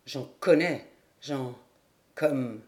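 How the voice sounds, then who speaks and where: A woman voicing a drunken, raging sailor with a raspy, slurred voice, for an audiobook. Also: mid-range voice, extremely slow, darkish tone, pitched below the performer's own voice. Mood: rambling. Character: drunken raging sailor back from abroad, boastful.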